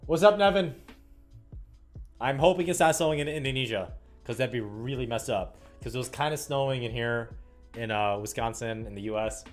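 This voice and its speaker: A thirty-year-old man from the American Midwest talks loosely to a livestream audience, full of ums and quick laughs. His voice sits at an ordinary middle pitch. Faint music plays softly behind him. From Illinois, US Midwest. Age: 30s. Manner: rambling, laughs often, many fillers. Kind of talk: casual livestream chat. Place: home room while stringing rackets.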